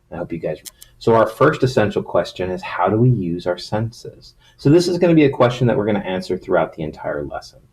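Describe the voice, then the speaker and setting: A man's voice: deep voice, a little mellow. A man teaching young children in a recorded lesson, talking like a kids show host in simple language with frequent questions. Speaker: primary school teacher. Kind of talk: recorded science lesson for young children, reading stories aloud.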